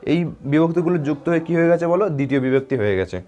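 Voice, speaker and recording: A man teaching a grammar lesson to schoolchildren. He asks a question, answers it himself, and repeats words slowly and encouragingly. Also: fairly high pitch, animated, dark tone, dull audio. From West Bengal. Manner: encouraging, addresses students directly.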